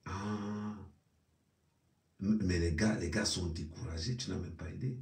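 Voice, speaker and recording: A man's voice: fairly even intonation, a little slow, darkish tone. Teasing man with a Cameroonian accent. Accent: Cameroonian French. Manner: teasing, mock-consoling, low-key. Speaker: comedic commentator. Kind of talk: mocking live commentary. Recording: roomy echo, distant mic.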